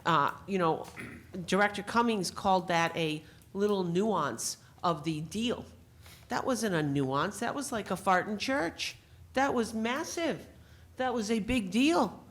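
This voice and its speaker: A woman's voice: mid-range voice, animated, unhurried. A woman giving an insistent, pointed public comment at a city board meeting. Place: city council meeting room.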